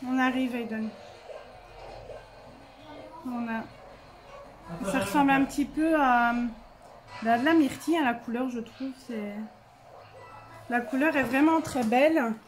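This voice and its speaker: High-voiced chatty woman vlogger. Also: takes it slowly, pauses often, over music. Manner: chatty, filler-heavy, self-correcting. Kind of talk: casual chat while swatching paints.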